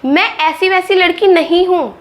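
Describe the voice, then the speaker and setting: A woman playing a sharp-tongued young daughter-in-law. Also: very high voice. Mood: furious. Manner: indignant scolding, rapid rebukes. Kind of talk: Hindi family drama skit.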